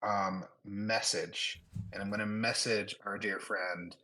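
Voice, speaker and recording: Low-voiced man playing a tabletop game. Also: steady tone, takes it slowly, bright, forceful tone, low-quality recording. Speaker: player. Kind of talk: casual tabletop play.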